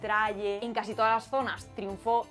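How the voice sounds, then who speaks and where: A woman hosting a linguistics lesson, lively and playful, asking herself rhetorical questions. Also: a little high, fairly quick. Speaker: linguistics video host. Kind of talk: scripted educational explainer. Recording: light background music.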